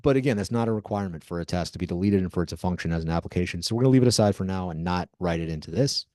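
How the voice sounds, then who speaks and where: A man teaching a live coding lesson as an instructor, dictating code word by word with deliberate pauses. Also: low-pitched, a little mellow, no room sound, clean studio sound. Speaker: programming instructor.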